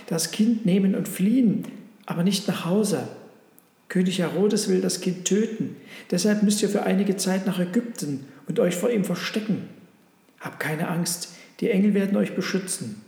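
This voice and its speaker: Guy reading an angel, earnest and pleading, kinda gravelly, roomy echo. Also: sits high, normal speed, mellow. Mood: urgent. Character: gentle urgent male angel messenger. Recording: roomy with long reverb.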